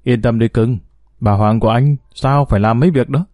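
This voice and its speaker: Brief: narrator playing a smooth-talking gangster in an audio story, rapid and a bit lower, dark dry tone. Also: male voice, dry recording, close to an everyday voice. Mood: coaxing. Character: middle-aged gangster man, brash and coaxing.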